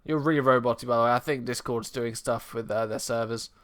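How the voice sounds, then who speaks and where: A young man hosting a live stream, chatting casually, laughing often, with sudden loud bursts. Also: mid-range voice, flat delivery, fairly quick. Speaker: stream host.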